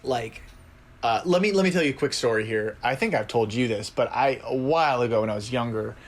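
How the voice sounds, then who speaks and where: A young man co-hosting a sports podcast, chatting casually and telling animated stories with frequent laughs. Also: mid-range voice, a little fast. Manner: animated storyteller, laughs often. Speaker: podcast co-host. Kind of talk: casual chat.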